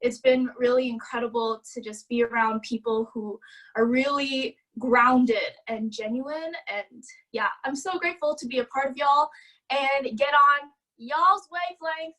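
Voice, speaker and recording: A woman's voice: high-pitched, steady tone, a little slow, fairly bright tone, poor audio. A breathless woman speaking with bubbly enthusiasm on a video call. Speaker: newcomer guest. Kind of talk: casual Zoom talk.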